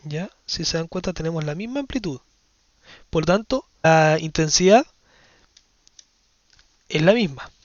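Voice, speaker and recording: High-voiced man teaching physics. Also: lively intonation, unhurried, long pauses, no room sound, lo-fi sound. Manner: explanatory, checks in with frequent "¿ya?". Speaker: science teacher. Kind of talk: physics lesson explaining exam questions.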